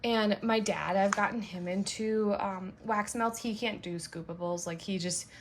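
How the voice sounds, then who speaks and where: A woman's voice: medium pitch, measured pace, noisy background. Bubbly, rambling woman chatting casually. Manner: chatty and rambling, lots of fillers; bubbly and excitable. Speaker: wax melt maker and shop owner.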